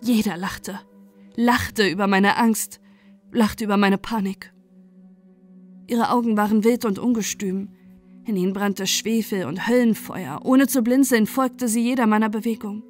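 A woman's voice: medium pitch, steady tone. Woman narrating a horror audiobook. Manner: measured, dramatic storytelling. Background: faint music.

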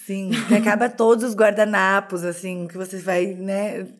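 A woman co-hosts a podcast in relaxed, casual chat. She speaks candidly and pokes fun at herself. Her sentences often break off and restart. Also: mid-range voice, normal speed, soft background music. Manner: chatty, candid, self-deprecating, many restarts. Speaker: podcast co-host.

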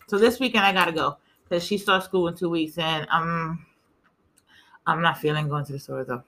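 A middle-aged woman from the Bronx, her New York accent carrying a Spanish lilt. Her voice is bright and clear, and she tells everyday stories in a lively, animated way while co-hosting a relaxed chat. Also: fairly low pitch, moderate pace. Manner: animated storytelling with lively asides. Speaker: podcast co-host. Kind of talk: casual chat.

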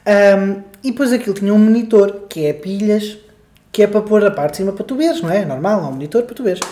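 A man's voice: high-pitched, fast talker, warm tone. Guy with a european portuguese accent, casual podcast chat, roomy echo on it. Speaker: podcast co-host. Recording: echoey room.

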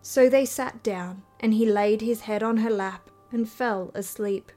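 A woman from Australia reading a fairy tale aloud in a measured, unhurried storytelling manner. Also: a little high, warm tone, faint music behind. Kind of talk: fairy tale audiobook narration.

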